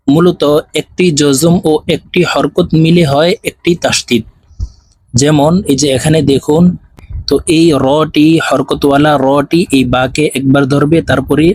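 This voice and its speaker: A man's voice: fairly high pitch, darkish tone, no echo. Bangladeshi man teaching recitation, dry sound. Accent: Bangladeshi Bengali. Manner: drills spellings slowly, syllable by syllable. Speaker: Quran reading teacher. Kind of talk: online recitation lesson.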